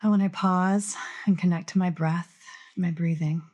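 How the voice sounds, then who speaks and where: Low-voiced woman, thoughtful guest. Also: steady tone, normal speed, darkish tone, muffled recording. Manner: thoughtful and earnest, with small restarts. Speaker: podcast guest. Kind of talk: reflective conversational interview.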